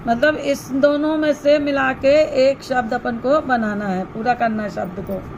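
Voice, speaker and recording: A woman with a high voice teaches young pupils slowly, spelling each word out syllable by syllable. She asks a question and answers it herself, step by step. The sound is a bit dull, with faint traffic in the background. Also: fairly even intonation, darkish tone. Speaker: primary school Hindi teacher. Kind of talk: slow classroom walkthrough of a textbook exercise.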